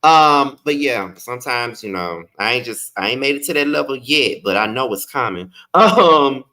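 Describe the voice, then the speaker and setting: A man's voice: medium pitch, expressive, normal speed, bright, forceful tone. A man with a lisp and slushy s sounds, giving sassy, slangy, chatty live commentary as a review host. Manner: sassy, slangy, emphatic with swearing.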